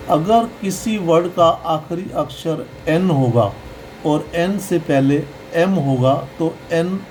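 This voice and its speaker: A man teaching pronunciation in a slow, explanatory lesson, patiently repeating each sound. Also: on the high side, darkish tone, a little hiss or hum, rough recording.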